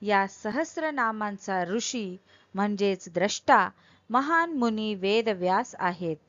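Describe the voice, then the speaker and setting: A woman teaching a devotional hymn, over-enunciating carefully and deliberately as she recites and explains. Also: mid-range voice, animated, a bit bright, lo-fi sound. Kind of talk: slow chanted Sanskrit verses with explanatory narration.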